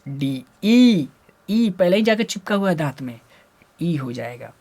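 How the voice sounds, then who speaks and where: A man's voice: sing-song, moderate pace. A man teaching Hindi grammar to school students, repeating letter sounds aloud and asking and then answering his own questions. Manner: jumps between loud drilled syllables and low muttering. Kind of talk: explaining lesson to students.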